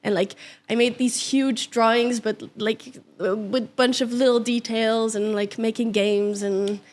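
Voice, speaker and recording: A woman's voice: fairly high pitch, fairly even intonation, a little slow, darkish tone. A woman from Belgium whose first language is Flemish, a giggly, chatty podcast guest who trails off mid-sentence. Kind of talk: casual chat.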